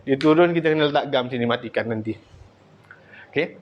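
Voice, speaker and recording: A man with a Malaysian Malay accent teaching children the abacus, playful and teasing, shifting between loud drill calls and low asides. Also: a little fast, muffled recording. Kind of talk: classroom lesson to children.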